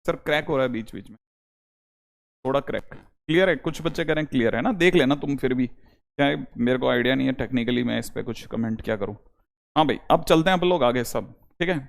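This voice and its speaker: A man's voice: medium pitch, fairly quick, creaky. Man teaching maths in a live class. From India. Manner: repeats reminders to students, switches between Hindi and English. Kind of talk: online lecture.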